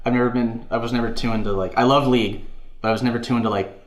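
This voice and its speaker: A young man in a laid-back podcast chat, his talk loose and peppered with fillers. He has a mid-range pitch, and the room around him adds a clear echo. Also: fairly even intonation, very fast. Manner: casual, filler-heavy, says "like" often. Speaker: podcast co-host. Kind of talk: casual chat. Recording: echoey room.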